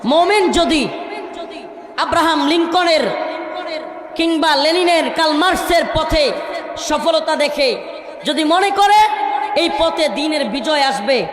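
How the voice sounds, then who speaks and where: A man preaching a sermon from a crowded stage, pleading with and scolding the crowd to stay quiet, sometimes slipping into slow chanted recitation of scripture. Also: very high-pitched. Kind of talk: sermon at a crowded religious gathering. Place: crowded stage at a large outdoor gathering. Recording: echoing reverb over a murmuring crowd.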